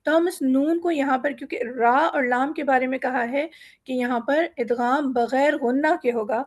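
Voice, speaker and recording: High-voiced woman teaching Quran reading. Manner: explains patiently, slowly drawing out example words for students to repeat; mixes English words into her speech. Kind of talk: step-by-step lesson explanation.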